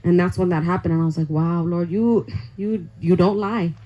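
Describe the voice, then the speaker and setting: A young adult woman, a youth pastor, telling an excitable, chatty testimony sermon to young people and saying "like" a lot. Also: on the low side, brisk, dull audio. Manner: excitable, chatty storytelling full of "like".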